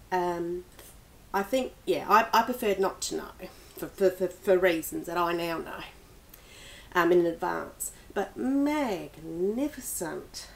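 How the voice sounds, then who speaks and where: Chatty woman rambling about books. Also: on the low side. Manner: chatty, rambling, many restarts and laughs. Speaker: book vlogger. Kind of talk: casual book review chat.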